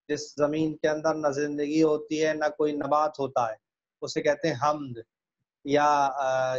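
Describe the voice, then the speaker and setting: A man giving a Quran commentary lesson, explaining patiently with hesitant fillers and reciting phrases slowly and carefully. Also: on the high side. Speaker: religious teacher. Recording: dull lo-fi recording.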